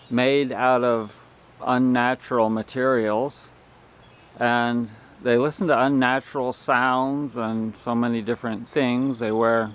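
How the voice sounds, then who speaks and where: A man giving a blunt, preachy, casual monologue to viewers, phrasing deliberately with pauses and chewing food while he talks. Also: medium pitch. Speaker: health vlogger.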